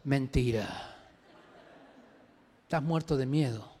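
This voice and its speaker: A male preacher voicing a calm, deep divine voice in a sermon. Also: takes it slowly, slightly rough. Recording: long reverb of a large hall.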